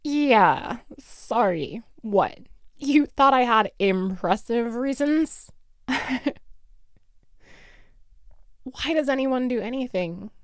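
A snarky school bully girl, acted by a woman in an audio role-play. Her voice runs fairly high and swoops widely as she drawls out sarcastic taunts. The delivery is slow and theatrical, hot-tempered with a grudging soft side. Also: lively intonation, dry recording, clean studio sound. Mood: reluctant, awkward.

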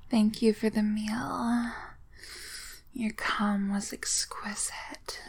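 Woman as a tentacled creature lover, breathy whisper, very slow, flat delivery, steady hiss behind. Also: on the high side. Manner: slow breathy whispering, calls listener master. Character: devoted tentacled female creature, adoring, possessive. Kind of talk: intimate audio roleplay.

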